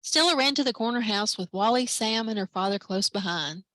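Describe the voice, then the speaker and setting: A woman librarian reading a children's picture book aloud at story time, lively and expressive. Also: fairly high pitch, brisk, no echo. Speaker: library branch manager, story time reader.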